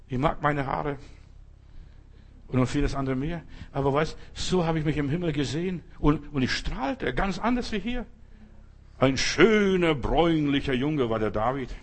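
A man's voice: a little high, slightly rough. A man preaching a sermon at a church service, emphatic and speaking straight to his listeners. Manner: emphatic, addresses listeners directly.

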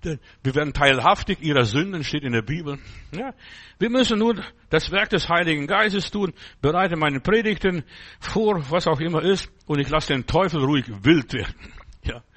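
Husky-voiced man preaching a sermon. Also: a little high, expressive, normal speed, fairly bright tone. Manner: emphatic preaching with many interjected "ja"s and asides. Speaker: pastor.

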